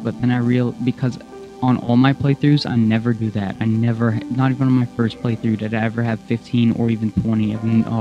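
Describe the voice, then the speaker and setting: Young man, gaming host, hiccups, casual rambling commentary, mid pitch, muffled lo-fi sound. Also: mellow. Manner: rambling, self-correcting, with fillers. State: has the hiccups. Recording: dull lo-fi audio with faint music.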